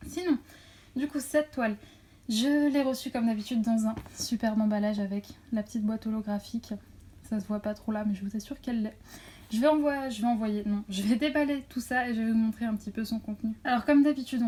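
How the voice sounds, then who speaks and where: Young woman vlogger, slightly high and mellow voice, chatty with lots of fillers, filming on a phone at home. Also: slight background noise. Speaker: crafts vlogger. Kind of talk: casual unboxing chat. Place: at home near a window. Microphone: phone camera.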